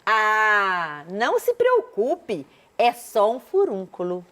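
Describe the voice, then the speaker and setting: A woman voicing a male comic-strip doctor who speaks in formal medical jargon, read slowly and deliberately. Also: mid-range voice, huge pitch swings, fairly bright tone, heavily acted.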